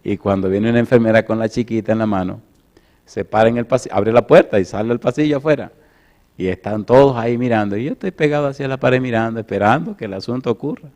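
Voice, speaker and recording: A middle-aged man preaching, swinging between loud emphatic lines and soft, hushed storytelling. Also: mid-range voice, fast. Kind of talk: sermon with personal storytelling.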